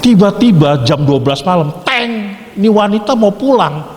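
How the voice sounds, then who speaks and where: A man teaching a theology class, quizzing students with quick, joking questions and telling stories. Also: sits high, lively intonation, darkish tone. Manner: jokey, rapid-fire questioning of students. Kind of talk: interactive class lecture with storytelling. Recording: echoey hall, faint background hiss.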